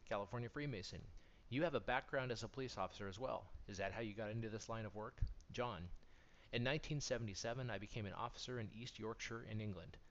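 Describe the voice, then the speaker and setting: A man reading magazine articles aloud in a steady, measured way, as scripted narration. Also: lowish voice. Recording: dull lo-fi recording.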